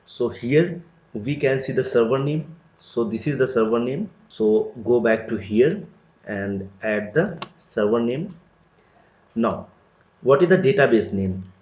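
Man walking through a software tutorial. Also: mid-range voice. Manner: step-by-step, plain explanatory delivery with frequent "so" and "let me". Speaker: tutorial instructor. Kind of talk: screen-recorded software tutorial. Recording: roomy, dull lo-fi recording.

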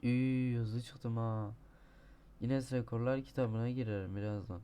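A young man commenting on his own gameplay, talking to himself, boasting and cursing, with sudden shouting outbursts. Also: medium pitch, steady tone, moderate pace, slight background noise. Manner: swearing, shouting outbursts at the game; self-talk, boastful then exasperated. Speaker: gaming streamer. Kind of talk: let's-play commentary.

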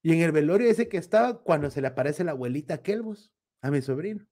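Man, Guatemalan Spanish accent, casual storytelling, slightly high voice, lively delivery. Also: quick pace. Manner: animated, acts out voices in his anecdotes. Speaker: co-host.

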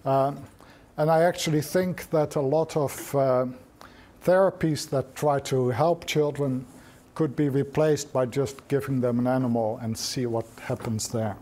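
A middle-aged man giving a reflective seminar talk, thinking aloud with frequent restarts and pauses. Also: mid-range voice, steady tone, dark tone. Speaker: lecturer.

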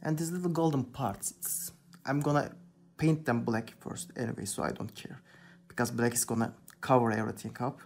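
Here the young Turkish hobby painter speaks at medium pitch with fairly even intonation and a moderate pace, his voice a little mellow with vocal fry. He hosts his channel from an indoor workbench, painting a figure and chatting in accented, searching English peppered with "you know."

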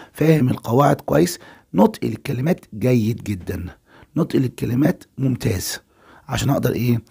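Man, Egyptian Arabic accent, teacher, exam review lesson, raspy, gravelly, asks and answers himself. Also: medium pitch, a little mellow. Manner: explains step by step, asks and answers his own questions. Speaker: English teacher.

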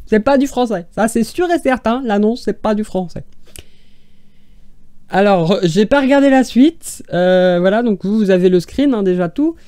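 Exasperated sarcastic ad reviewer, mellow dry voice. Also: mid-range voice, expressive, moderate pace, clear, resonant tone, no room sound. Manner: exasperated, sarcastic, rambling with restarts. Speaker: YouTuber reviewing classified ads. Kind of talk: mocking commentary on screenshots.

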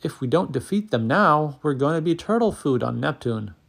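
A man's voice: fairly high pitch, animated, normal speed, vocal fry, a bit bright, voice pushed up, exaggerated voice. A man voicing a brave young girl superhero in a read-aloud picture book, in an earnest, urgent storybook voice.

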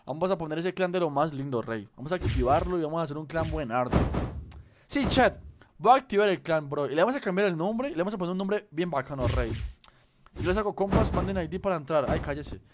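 A young man streaming a game, his voice sitting a little high for a man. He talks in loose slang and teases the people he plays with. A faint hiss sits under his voice. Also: animated, fast talker. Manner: slangy, teasing, greets viewers by name. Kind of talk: casual live-stream chat.

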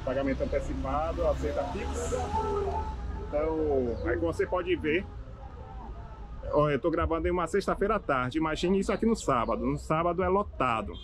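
A young travel vlogger from Salvador, Bahia, speaks Brazilian Portuguese with a Bahian accent as he strolls a seaside hillside street, casually pointing things out to viewers. His voice is a little high and fairly quick, heard over music in a rough recording.

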